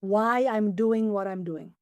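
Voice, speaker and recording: A woman in her forties, a podcast guest, talking enthusiastically in a conversational interview, her voice climbing higher whenever she gets excited. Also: measured pace, clean tone, dry recording. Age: 40s. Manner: enthusiastic, pitch jumps up when excited; animated, acts out her own inner questions. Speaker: podcast guest, applied philosopher.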